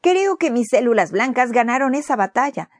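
A woman voicing a young sick boy who pleads in a high childlike voice. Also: sing-song, normal speed, dry recording. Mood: cheerful.

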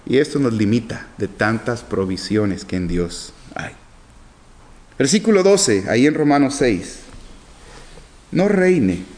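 A man preaching a Bible teaching sermon, reading verses slowly and then asking and answering his own questions. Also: medium pitch. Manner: animated, swinging from loud to hushed.

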